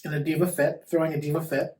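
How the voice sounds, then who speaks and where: A man's voice: on the high side, little pitch movement, quick pace, a little mellow. A man talking casually in an interview as a sassy, campy drag queen. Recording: roomy echo, distant microphone.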